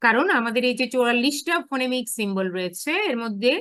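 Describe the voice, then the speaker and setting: A woman giving a lecture on phonetics, drawing out her English phrases slowly and explaining quickly in between. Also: a little high, fairly bright tone, dry recording. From Bangladesh. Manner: switches between careful slow English and brisk Bengali explanation. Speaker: university English teacher.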